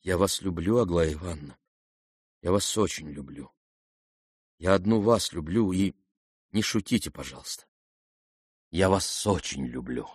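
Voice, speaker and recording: A man voicing a gentle, timid young prince in an audiobook, speaking softly and hesitantly. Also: mid-range voice, animated, vocal fry, breathy edge, no room sound, studio quality, full character voice. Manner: soft, hesitant, halting.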